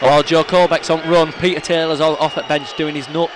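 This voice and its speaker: A man's voice: fairly high pitch, little pitch movement, a little fast, crowd noise. A man with a Bradford accent co-hosting a football podcast from a stadium press box, bantering casually and teasing. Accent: Bradford, West Yorkshire. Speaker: podcast co-host. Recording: outdoor stadium noise, traffic ambience.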